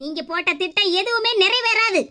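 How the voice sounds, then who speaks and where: A sharp-tongued cartoon mother scolds in a Kanyakumari Tamil accent. Her voice sits very high and sounds bright and piercing. Her talk is sarcastic and cutting. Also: a little fast. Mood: angry. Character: stern, scolding middle-aged mother. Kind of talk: cartoon comedy voice acting.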